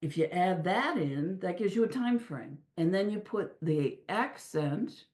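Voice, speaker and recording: A middle-aged woman talking as an interview guest, telling stories in an animated way with frequent restarts. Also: fairly low pitch. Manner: animated storyteller with many restarts. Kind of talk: casual interview talk. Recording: echoey room.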